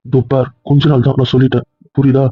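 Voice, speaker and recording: Man as a forceful young husband, fast and husky, tinny lo-fi audio drama. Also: medium pitch, little pitch movement, dry recording, natural voice. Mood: insistent. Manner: pleading then insistent, quick. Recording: tinny phone-like dry sound.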